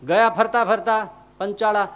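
A male swami tells devotional stories in a sermon. His voice sits high for a man, and the delivery is animated. He narrates with the flow of a practiced storyteller. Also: a little slow. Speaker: swami preacher.

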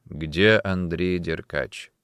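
A man's voice: normal speed, dry recording, studio quality, close to an everyday voice. A male audiobook reader voicing a stern police major who questions coldly and insistently. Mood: menacing. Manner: cold, insistent questioning, low and quiet at times. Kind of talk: audiobook character reading.

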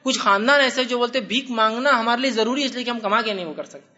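A man giving a religious lecture, answering a question by telling lively stories and acting out both sides of each exchange. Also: very high voice, muffled recording.

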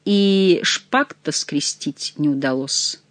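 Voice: mid-range voice, takes it slowly, fairly bright tone, dry recording. A reader voicing a brash young male courtier in an audiobook. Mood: boastful.

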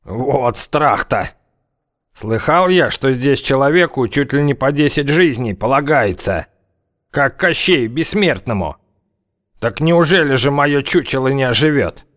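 A man voicing a tough, slang-talking gunman who threatens and mocks in a slow drawl. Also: mid-range voice, a bit bright, voice pushed up. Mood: scornful. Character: tough slangy male gunman, menacing, scornful.

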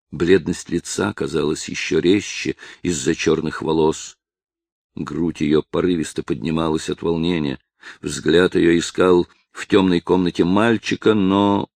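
Deep creaky guy reading a historical novel, dry studio sound, steady dramatic reading. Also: no echo. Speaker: audiobook narrator. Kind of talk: scripted narration.

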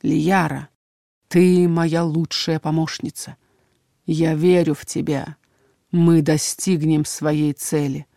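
A woman voicing a mysterious tall man in a cloak, low, slow and hushed. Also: level tone, gravelly, no room sound, clean studio sound, full character voice. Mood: coaxing.

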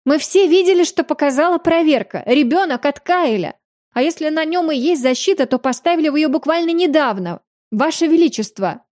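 A woman's voice: high-pitched, expressive, moderate pace, a little mellow, no echo, studio quality, pitched above the performer's own voice. A woman voicing a stout, furious noblewoman who shrieks in indignation, breathless with rage, in an audiobook. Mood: shrieking outrage.

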